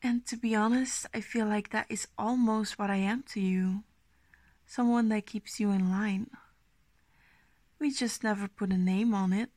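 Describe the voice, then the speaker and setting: A woman doing an ASMR role-play as an affectionate, gently dominant girlfriend, speaking slowly and intimately in a coaxing half-soft voice. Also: mid-range voice, steady tone, no echo, lightly acted. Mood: coaxing, possessive. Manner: slow, breathy, intimate, soft-spoken, coaxing.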